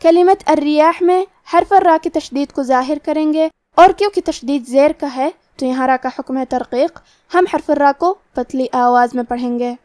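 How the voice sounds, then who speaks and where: A woman teaching Quran recitation rules, explaining each letter step by step in a methodical, measured way. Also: high voice, a little mellow, no room sound, studio quality. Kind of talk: tajweed lesson, explaining rules then reciting slowly.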